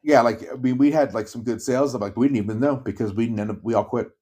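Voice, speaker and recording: A man telling work stories in casual chat, high and chatty, acting out the people he quotes. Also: fast, warm tone.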